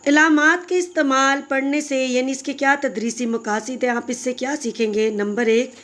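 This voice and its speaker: A woman's voice: high-pitched, steady tone, normal speed, a bit bright. Patient woman teaching a grammar lesson. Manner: patient, explanatory, addresses pupils fondly. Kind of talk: recorded grammar lesson for children.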